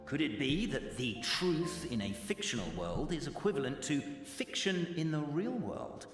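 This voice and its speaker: A man's voice: fairly high pitch, big pitch swings, measured pace, roomy sound, in a large hall, music in the background, pitched above the performer's own voice. A man narrating a game scene in a wry storybook style.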